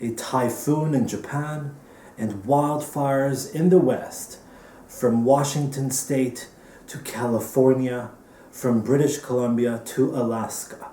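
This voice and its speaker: A man hosting a virtual awards ceremony from home, delivering a dry, deadpan comedic monologue. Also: medium pitch, takes it slowly, roomy sound, distant mic. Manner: dry, deadpan topical jokes. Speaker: festival director hosting an awards show.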